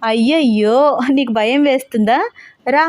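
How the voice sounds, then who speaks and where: A woman's voice: a little high, unhurried, a little mellow, dry recording, lightly acted. A woman voicing a playful young woman who teases her fiancé with coy remarks. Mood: teasing. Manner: teasing, coy.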